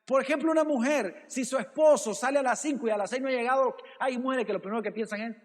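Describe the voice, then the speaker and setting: A man's voice: very high voice, fast talker, big-room sound. A male pastor preaching a sermon, calling out "brother" and asking rhetorical questions. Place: church.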